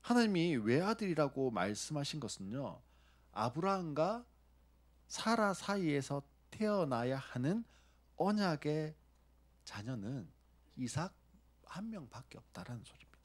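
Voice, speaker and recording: A man's voice: a little high, sing-song, a little slow. A man preaching a sermon, asking the congregation questions and acting out short lines of dialogue. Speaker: pastor.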